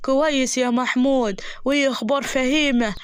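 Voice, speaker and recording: A woman doing a calm traditional village father. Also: high-pitched, a little fast, clear, resonant tone, no room sound, clean studio sound, natural voice. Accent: Egyptian Arabic.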